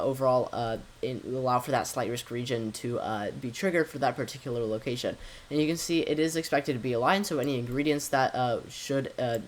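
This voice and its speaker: A man hosting his own weather forecast, talking through model maps with frequent pauses and filler words. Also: mid-range voice. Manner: hesitant, frequent "uh" fillers and self-corrections. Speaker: amateur weather forecaster, channel host.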